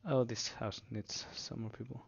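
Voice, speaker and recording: A man explaining things simply for children, unscripted, in short halting phrases with pauses, on a dull lo-fi recording. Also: medium pitch, level tone, creaky, husky. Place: indoors at a table.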